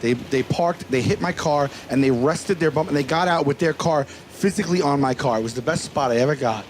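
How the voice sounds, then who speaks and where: A man telling excitable stories in a casual chat, acting out what people said and swearing. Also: fairly high pitch, fairly quick. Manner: excitable storyteller, acts out quotes, swears. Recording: noisy background.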